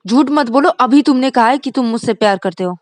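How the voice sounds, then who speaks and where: A woman voicing a furious young woman who shouts sharp accusations. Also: a little high, a little fast, dry recording, clean studio sound, pitched above the performer's own voice, close to an everyday voice. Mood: furious accusing. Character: furious jealous young woman, quick to slap.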